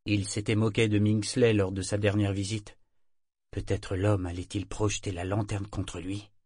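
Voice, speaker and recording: A man's voice: on the low side, a little mellow, dry recording. Man narrating a novel, dry and close. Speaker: audiobook reader. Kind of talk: scripted narration.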